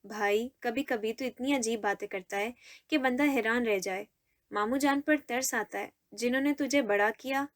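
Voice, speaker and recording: A woman's voice: on the high side, lightly acted. A woman voicing a playful young man, a student friend who teases his buddy. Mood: teasing. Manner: playful, teasing banter.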